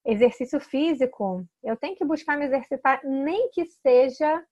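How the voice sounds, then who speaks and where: At a moderate pace, a high-pitched, mellow-voiced Brazilian woman teaches how to use essential oil products, speaking informally to camera in a Brazilian Portuguese accent. She persuades chattily, using tag questions and sentence restarts, and the recording is dry and lo-fi.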